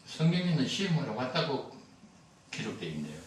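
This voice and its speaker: An older pastor preaches a sermon in a church sanctuary, telling humorous stories and acting out the dialogue. His medium-pitched voice swings widely and moves fairly quickly, heard from a distance with a roomy echo.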